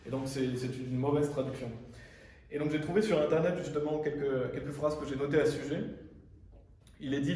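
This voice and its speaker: A man's voice: on the high side, a little mellow, slight background noise. A French-speaking man preaching a sermon in an insistent, repetitive way, often restarting his phrases. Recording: very echoey room, distant from mic.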